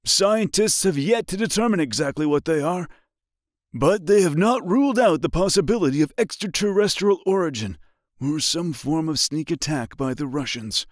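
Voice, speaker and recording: A man's voice: a little high, lively intonation, moderate pace, dry recording, studio quality, voice pushed up, natural voice. A man voicing an urgent male radio news announcer reading a formal bulletin. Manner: formal, clipped bulletin delivery.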